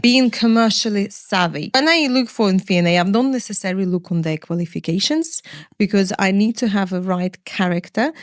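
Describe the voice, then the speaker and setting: Pausing frequently to find words, a middle-aged woman from Ukraine who works as a finance executive answers interview questions carefully and lists her points in turn. Her mid-range voice comes through a dry, studio-quality recording.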